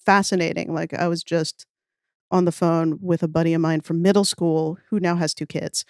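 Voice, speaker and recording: In a casual interview, a New Orleans woman who writes audio fiction reminisces as a podcast guest, hedging and poking fun at herself in an informal way. She speaks at normal speed with a smooth, fairly low voice and fairly even intonation. The sound is dry and clean, studio-made.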